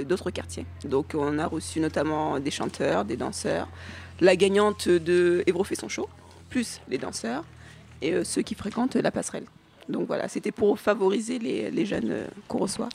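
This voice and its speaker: A woman's voice: on the low side, normal speed, creaky, darkish tone. A woman youth worker answering as a guest on a live radio show outdoors, upbeat and friendly. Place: outdoors at a neighbourhood fête.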